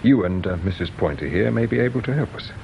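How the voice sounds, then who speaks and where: An actor playing a patient provincial police inspector who questions people gently and measuredly in a radio drama. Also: male voice, lowish voice, animated, creaky, slight background noise. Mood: probing. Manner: measured, gently probing, hesitates with "uh". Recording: dull lo-fi radio recording.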